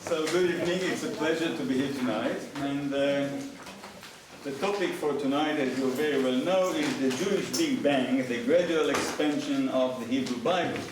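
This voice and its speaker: A man's voice: mid-range voice, moderate pace. An older man with an Israeli accent, giving a public lecture in a conversational way with dry humor. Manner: dry humor, conversational, addresses the audience directly. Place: lecture hall. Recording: distant mic, echoey hall, background noise.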